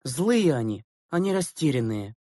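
A woman's voice: mid-range voice, moderate pace, no echo, studio quality, natural voice. A woman voicing a weary, bitter schoolteacher in an audiobook, speaking sternly and with exasperation. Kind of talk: audiobook character reading.

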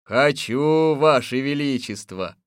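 A man voicing an eager, servile male palace servant who answers in loud, dutiful replies. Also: medium pitch, animated, slow pace, clean tone, no room sound, clean studio sound, voice pushed up.

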